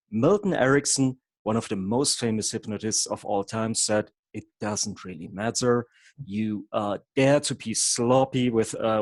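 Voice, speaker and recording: A German man with a German accent, working as a hypnotherapist, presents an online workshop over a video call, explaining things as he goes. His voice is fairly low and the recording is dry. Now and then he stumbles over his words.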